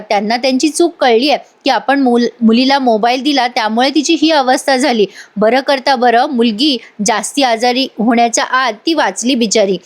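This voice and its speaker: A woman narrating a casual voice-over recap of a TV serial, chatty and addressing viewers directly. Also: on the high side.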